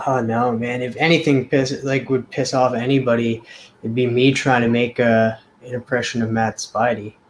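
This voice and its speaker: A man's voice: medium pitch, little pitch movement, moderate pace, slight background noise, poor audio. A man on a drawing talk show, chatting casually and rambling with many hesitations and restarts. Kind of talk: casual chat while drawing.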